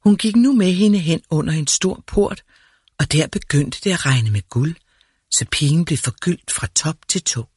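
Man reading a fairy tale, calm and even, slightly husky, dry close sound. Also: fairly high pitch, dry recording. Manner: calm, measured storytelling. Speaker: narrator.

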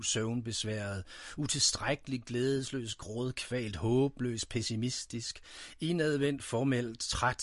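A man reading dark, brooding spoken-word poetry, addressing a "you" directly. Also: fairly low pitch, breathy edge, no room sound, studio quality.

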